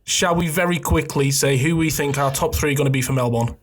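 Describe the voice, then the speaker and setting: A man's voice: fairly high pitch, brisk, slight background noise. A young man co-hosting a podcast in casual chat, playful and teasing as he makes bold calls. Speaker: podcast co-host.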